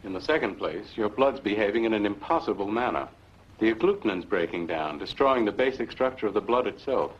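An actor playing a middle-aged doctor, earnest, precise and formal, in a 1950s film. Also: male voice, lowish voice, expressive, fairly quick, husky. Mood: grave, concerned. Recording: muffled old 1950s film soundtrack.

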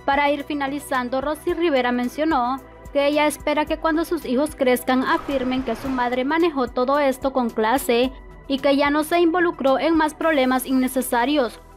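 A woman reading scripted entertainment news narration, quotes included in the same even voice. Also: high voice, normal speed. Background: faint music.

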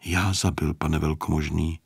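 A man's voice: low voice, fairly even intonation, breathy edge, no room sound, studio quality. A man voicing a meek, devout peasant who speaks humbly and with resignation, in a storybook reading. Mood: humble.

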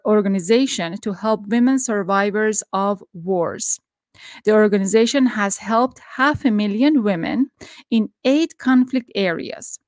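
A middle-aged Iranian woman hosts a podcast interview over a video call from her home study, giving an introduction and asking questions. Her voice is a little high and she speaks earnestly, restarting often. She uses a studio microphone with headphones, and there's no room sound.

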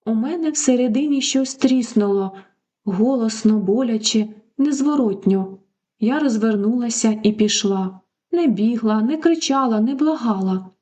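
A woman narrating a first-person life story in a slow, sorrowful, intimate way. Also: a little high, dark tone.

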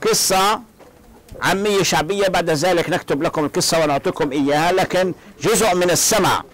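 High-voiced man teaching a language class. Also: a bit bright, rough recording. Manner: drills phrases slowly and asks the class to repeat. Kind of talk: classroom lecture.

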